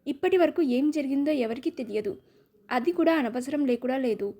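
An affectionate young friend in an audio storybook, cheering her friend on in a kind way. A woman reads her with a high, bright voice. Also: animated, brisk. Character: young adult woman, warm encouraging friend.

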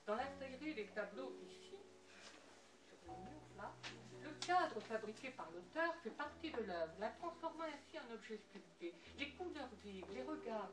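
A woman giving a measured, poetic scripted narration about an art exhibition. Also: fairly high pitch. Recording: roomy, distant voice with music underneath.

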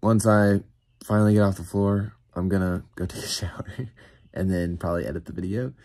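A man's voice: low-pitched, flat delivery, fairly quick, a little mellow, dry recording. A young man talking casually to his phone camera while he works at a summer camp. He rambles with many fillers and sounds worn out by the end of the day. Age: young adult. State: tired. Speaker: vlogger, camp staff. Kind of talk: casual vlog talk to camera. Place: outdoors at a summer camp, and on a cabin floor. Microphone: phone held at arm's length.

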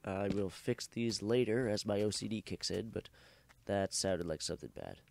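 A man's voice: lowish voice, moderate pace, creaky, darkish tone. A young man with a cough, giving rambling, joking gameplay commentary and swearing freely. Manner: rambling, joking, swears freely, corrects himself mid-sentence. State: sick with a cough. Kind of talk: casual let's-play commentary.

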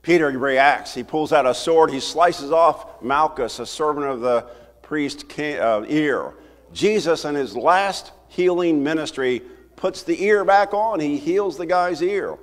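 An older man preaching a sermon from a church pulpit, talking to the congregation in a conversational, animated way. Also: a little high, unhurried. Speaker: pastor. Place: church sanctuary, at a wooden pulpit. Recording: roomy hall reverb from the sanctuary.

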